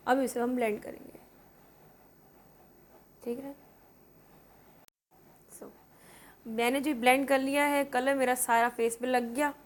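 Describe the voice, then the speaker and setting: Chatty high-voiced woman makeup vlogger. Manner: chatty, repeats "theek hai" often. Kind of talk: casual makeup tutorial.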